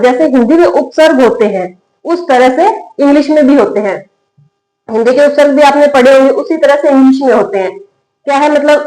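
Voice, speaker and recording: High-voiced woman teaching English. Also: a little mellow. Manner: patient, repeats words with questions to the viewer. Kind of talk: spoken English lesson. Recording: echoey room.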